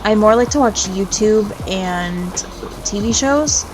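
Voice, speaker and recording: A woman's voice: medium pitch, lively intonation, takes it slowly, noisy background. A woman streaming a video game, chatting casually and rambling from one topic to the next as she plays. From United States. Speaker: VTuber gaming streamer. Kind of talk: casual chat over gameplay. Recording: game music clearly underneath. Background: video game music.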